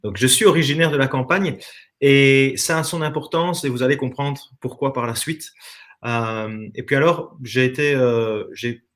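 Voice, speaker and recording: A former professional dancer from Belgium, speaking with a Belgian French accent, tells his story as a guest in a casual online video-call interview. His mid-range, fairly bright voice moves at a moderate pace, earnest and reflective.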